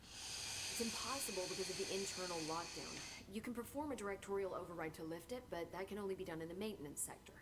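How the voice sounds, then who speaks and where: A woman playing an eager young scientist, low-voiced. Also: very noisy, lightly acted. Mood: briefing. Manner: earnest, chatty, slightly halting.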